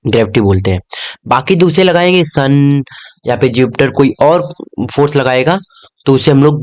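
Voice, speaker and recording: A young man teaches an exam-prep lesson. He talks casually at a medium pitch and keeps checking that his students follow with a quick "okay?". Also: a little mellow. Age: young adult.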